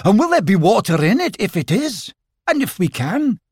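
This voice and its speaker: A fretful, eager rabbit, as a man puts him on, pushing his voice higher in quick, worried questions. The pitch is lively, and the sound is close and dry. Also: slightly rough, no echo, heavily acted.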